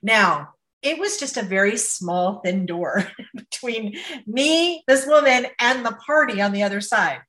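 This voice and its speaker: A woman who works as a psychic medium, telling a story to her podcast co-hosts in a lively, casual way, laughing now and then. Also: on the high side, measured pace, low-quality recording. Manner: animated, laughs while telling stories.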